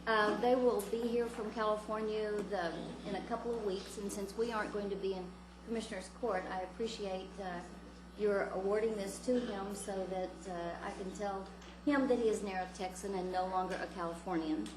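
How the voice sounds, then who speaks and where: A woman's voice: mid-range voice, steady tone, fairly quick. An older woman, a county commissioner, making informal remarks at a public meeting. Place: indoor government meeting chamber. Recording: echoey room with clear background noise.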